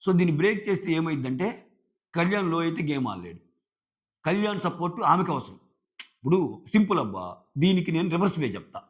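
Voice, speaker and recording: A man's voice: fairly high pitch, sing-song, fairly quick, pauses often. A man reviewing a reality show in casual commentary, retelling scenes and quoting the contestants.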